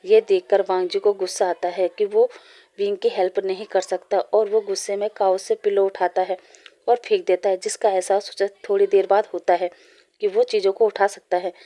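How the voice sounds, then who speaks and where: A woman narrating a fan fiction story aloud in a steady, plain reading voice. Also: medium pitch, moderate pace.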